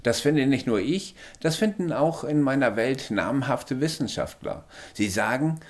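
A small male alien with a raised, lighter voice, as a man puts him on for an audiobook. He talks in clipped, factual statements and lectures calmly on how humans fall short. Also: medium pitch, a little slow, pitched above the performer's own voice, lightly acted. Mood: lecturing. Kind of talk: audiobook character voice.

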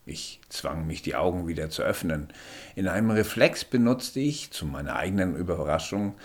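A man reading a first-person story aloud in a measured, introspective way. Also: low voice. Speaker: narrator. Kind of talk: first-person audiobook narration.

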